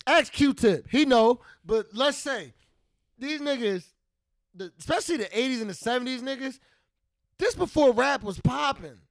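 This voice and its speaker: Male podcast host, high voice, loud and animated, profane, dry close mic. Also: moderate pace, dry recording. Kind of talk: casual chat.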